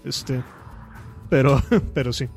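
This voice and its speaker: A man's voice: mid-range voice, little pitch movement, slow, creaky, darkish tone, faint music behind. A man, a podcast guest and author, talking casually with slang and many fillers.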